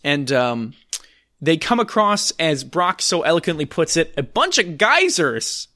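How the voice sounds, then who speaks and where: Bright, lively, sarcastic man podcasting. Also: fairly high pitch, a little slow, no room sound, clean studio sound. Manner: sarcastic, rambling with fillers. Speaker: podcast co-host recapping films. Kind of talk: casual chat.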